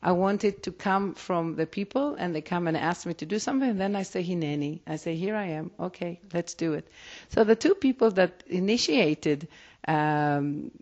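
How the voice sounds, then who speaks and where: A rabbi with an Israeli accent and Hebrew as her mother tongue, she answers interview questions reflectively at a moderate pace. Her voice runs low with a darkish tone, she keeps restarting sentences, and the audio is dull and lo-fi.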